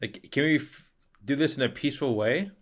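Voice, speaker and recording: A man's voice: medium pitch, fairly quick. A young man giving casual commentary while playing a video game. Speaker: gaming host playing and reacting.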